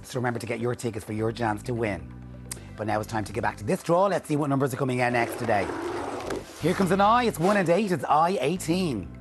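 A man's voice: mid-range voice, quick pace. Male bingo caller over music. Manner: rhythmic, presenterly calling with repeated numbers. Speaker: bingo caller and TV game show host. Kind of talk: bingo caller announcing drawn numbers. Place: indoor TV studio. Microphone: lapel mic.

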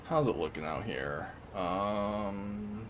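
A man's voice: lowish voice, takes it slowly, fairly bright tone, slight background noise. A man giving casual gameplay commentary as the host of a gaming video. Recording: music clearly behind the voice. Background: video game music.

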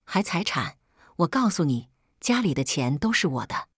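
A woman's voice: low voice, sing-song, normal speed, husky, no room sound, clean studio sound, heavily acted. A woman voicing a selfish, arrogant husband in a spoken story, with a contemptuous, bullying manner.

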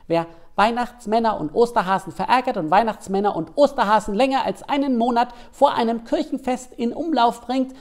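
A man voicing a scheming, excitable male Easter bunny who plots in a conspiratorial way. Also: extremely high pitch, fairly quick, few pauses, pitched above the performer's own voice. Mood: gleeful. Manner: gleeful, plotting.

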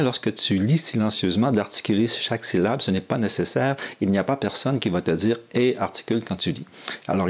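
Man, instructional video, speaks straight to the viewer, husky, lively. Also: fairly low pitch. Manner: demonstrative, addresses the listener directly. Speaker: course designer.

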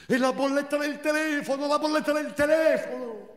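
A male performer voicing a furious young wife who yells shrill accusations, on a live theatre stage. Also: steady tone, brisk, reverberant, big-room sound. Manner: shrill outbursts, yelling accusations.

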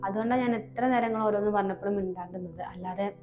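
A woman with a Malabar Malayalam accent playing a calm, patient young daughter-in-law who pleads with her sister-in-law, in a comedy skit. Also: medium pitch, racing, reverberant, dull audio, music in the background, close to an everyday voice. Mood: pleading.

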